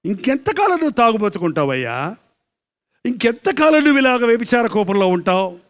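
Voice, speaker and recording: A preacher voicing the pleading, compassionate Lord. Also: male voice, very high-pitched, sing-song, fairly quick, voice pushed up. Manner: pleading, repetitive questions.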